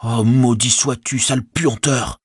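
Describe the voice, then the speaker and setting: A loyal young hobbit barks out urgent, fierce words, as a man voices him for an audiobook. The voice is raised well above the reader's deep natural tone and keeps a husky edge. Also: steady tone, a little slow, no echo, studio quality. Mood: angry. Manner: urgent, breathless shouting. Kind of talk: audiobook character voice.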